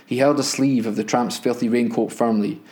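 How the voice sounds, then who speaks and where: A man reads a crime novel aloud in steady, measured audiobook-style narration. His voice sits in a middle register with an even delivery. He is a podcast host taking a turn as reader. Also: medium pitch.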